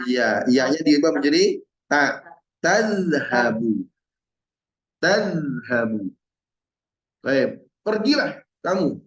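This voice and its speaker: Patient male teacher drilling Arabic words slowly. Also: a little high, sing-song. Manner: patient, slowly repeats each word. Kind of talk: online Arabic lesson drilling verb forms. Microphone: video call. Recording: roomy and dull-sounding.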